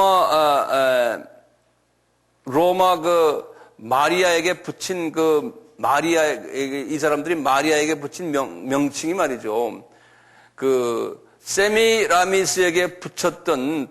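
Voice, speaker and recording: A man giving a church lecture, slowly spelling out and repeating foreign names and often asking his listeners questions. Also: fairly high pitch, fairly bright tone. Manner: slow, repetitive, asks the audience questions. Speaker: lecturer on creationism.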